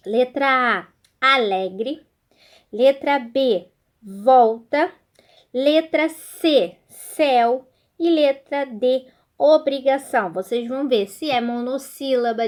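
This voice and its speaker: Brazilian woman teacher, high voice, unhurried, remote school lesson. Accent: Brazilian Portuguese. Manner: slow and clear, sounds out words syllable by syllable, checks in with the class.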